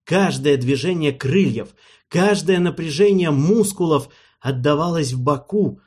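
A man narrating an audiobook in a measured, storytelling manner, with a husky voice. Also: a little high, lively intonation, a little mellow.

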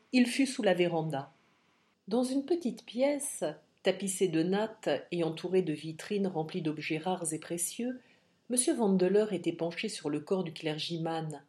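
Brief: woman reading a classic adventure story aloud, measured and expressive. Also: mid-range voice. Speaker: narrator. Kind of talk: scripted audiobook narration.

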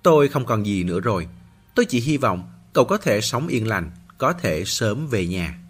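A man's voice: fairly low pitch, very animated, normal speed, breathy edge. A man voicing a desperate young woman pleading. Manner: earnest pleading, trailing off softly.

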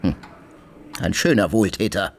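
An actor playing a loud, bullying swindler in a radio play, sneering and shouting insults. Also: male voice, low voice, animated, measured pace. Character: blustering crooked male swindler Tarantjew, loud bully.

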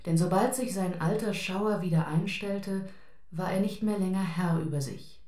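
A woman, as an actress, reads a grim account slowly in a radio play, her tone dark and mellow. The sound is roomy. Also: fairly low pitch, close to an everyday voice.

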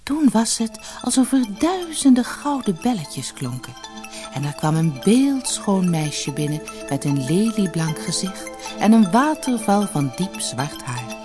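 A woman reading a fairy tale aloud as a storyteller, with an expressive, gently varied delivery. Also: on the low side. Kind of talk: storybook narration for children. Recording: audiobook with soft music behind. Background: faint music.

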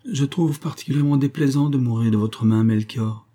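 A man's voice: mid-range voice, brisk, mellow, pitched above the performer's own voice, close to an everyday voice. A man reading as a weary, defeated man. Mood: bitter. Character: weary self-loathing middle-aged man, resigned.

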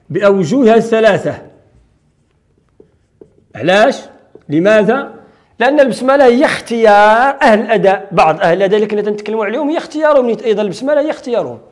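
A man's voice: high voice, expressive, fast. A man with a Moroccan accent teaching Quran recitation rules in a classroom lecture, explaining step by step and answering his own questions.

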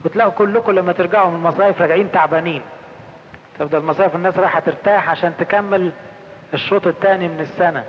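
A man with an Egyptian accent preaching a conference sermon in colloquial speech, asking questions and answering them himself, slowing down when he quotes scripture. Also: high-pitched, slight background noise. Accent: Egyptian Arabic. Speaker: priest. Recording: echoey hall, slightly dull sound.

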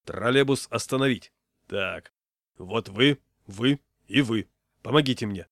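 A man's voice: lowish voice, measured pace, a bit bright, no echo, clean studio sound. A man doing a big, bossy commanding man. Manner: confident, barking orders. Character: big commanding male passenger.

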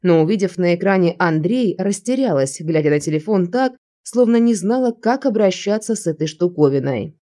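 Warm-voiced woman reading a novel aloud. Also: fairly low pitch, animated, normal speed, few pauses. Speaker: audiobook narrator. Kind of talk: first-person novel narration.

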